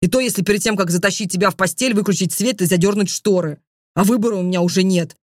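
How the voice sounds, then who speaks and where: A haughty male dragon lord from a fantasy audiobook, cold and contemptuous, played by a woman who lowers her voice for him. He speaks slowly and heavily, every word a command, in a mid-range voice with a very dry, close sound. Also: darkish tone, no room sound, lightly acted. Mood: mocking. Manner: contemptuous, commanding, slow and heavy.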